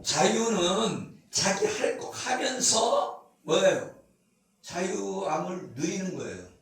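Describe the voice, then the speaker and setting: A man's voice: high voice, animated, slow pace, a bit bright. A man preaching a sermon as pastor, asking the congregation questions and acting out scolding voices. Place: church sanctuary. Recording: echoey hall, from far off.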